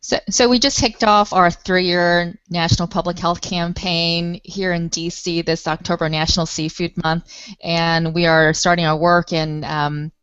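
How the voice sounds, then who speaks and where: Woman from taiwan, lots of ums, pretty low voice, dull streamed audio. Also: fairly even intonation, unhurried, fairly bright tone, clear, resonant tone, no echo. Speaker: nonprofit spokesperson. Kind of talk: panel discussion.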